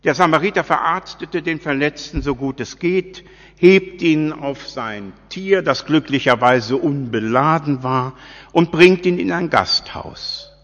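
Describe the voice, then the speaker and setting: A man preaching a sermon, slow and deliberate, asking his listeners many rhetorical questions. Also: on the high side, fairly bright tone. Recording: dull sound with long church reverb.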